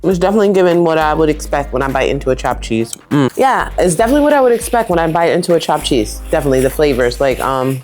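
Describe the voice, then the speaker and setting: A woman's voice: sits low, very animated, quick pace, few pauses, darkish tone, soft background music. A woman, chatting descriptively with many fillers as a cooking contestant. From Massachusetts. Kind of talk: casual food-tasting chat.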